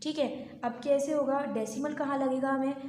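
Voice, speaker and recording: A woman's voice: high-pitched, steady tone, moderate pace, darkish tone, roomy sound. A woman maths teacher explaining a lesson step by step, patiently counting numbers aloud and checking in often. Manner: patient, repeats counts aloud, frequent "theek hai".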